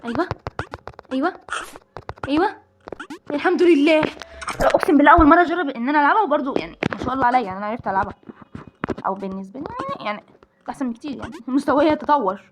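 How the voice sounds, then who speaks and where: A high-pitched, fast-talking woman with an Egyptian Arabic accent gives excitable let's-play commentary, exclaiming at every trap in the game. Steady noise hums under her voice. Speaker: gaming channel host.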